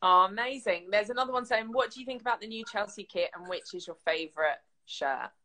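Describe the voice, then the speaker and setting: A woman's voice: medium pitch, bright, forceful tone. A woman interviewer, reading fan questions in a chatty, upbeat manner on a live stream. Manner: chatty, upbeat, quick reactions.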